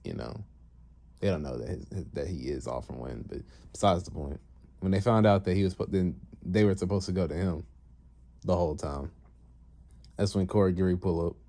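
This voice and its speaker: A man's voice: low voice, moderate pace, dark tone. A man casually retelling a comic story in slangy, conversational talk.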